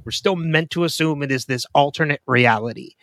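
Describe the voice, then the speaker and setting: A man's voice: a little high, a little fast, no room sound, studio quality. A man co-hosting a podcast, chatting casually and thinking aloud about a TV episode. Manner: relaxed, laughs easily, thinks aloud. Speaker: podcast co-host. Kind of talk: casual chat.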